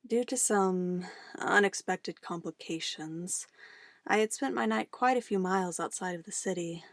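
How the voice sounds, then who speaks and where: A woman's low-leaning, slightly slow voice, captured at studio quality without any room sound, voices a possessive, controlled witch in an ASMR roleplay. She's an obsessive, sweetly menacing lover, moving from coaxing endearments to firm commands.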